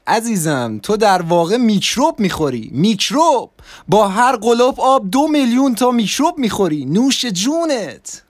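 Male narrator doing excitable storybook dad; lively swings, chuckles, conspiratorial whispers, dry close read. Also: sits high, dry recording, pitched above the performer's own voice. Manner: chuckling, whispering, mock-serious. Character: excitable middle-aged male plumber, cheerful father.

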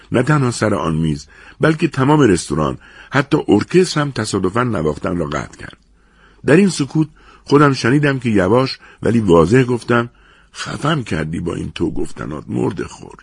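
A man narrating a first-person story in a lively, dramatic way. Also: medium pitch, husky, no room sound, studio quality.

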